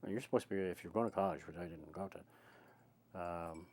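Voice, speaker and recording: This older man from Ireland, interviewed for an oral history, wanders through his memories conversationally like a storyteller. He has an Irish accent and a low, slightly mellow voice that runs a little fast.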